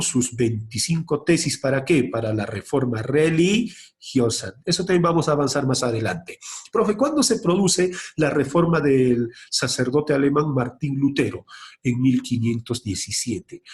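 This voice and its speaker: A male teacher in front of his class, firing off a question and then giving the answer himself. His voice sits at an ordinary middle pitch but climbs sharply on each question, so the lesson has an eager, call-and-response feel. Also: normal speed. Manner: asks questions and answers them himself, lively rises in pitch.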